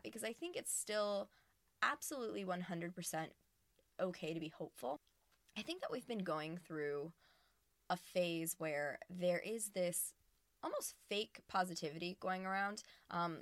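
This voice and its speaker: Recording from a small, empty closet, this podcast host talks solo in a chatty, earnest way, frequently starting her sentences over. Her pitch is fairly low, and there is no echo.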